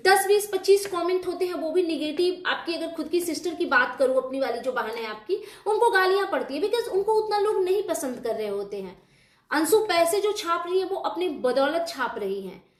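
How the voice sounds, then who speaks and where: A woman with a high voice talks through a reaction video, indignant and argumentative. She speaks straight to the person she is criticizing, in casual commentary. The sound is roomy, with a clear echo around her. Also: lively intonation, moderate pace. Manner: indignant, argumentative, addresses her target directly.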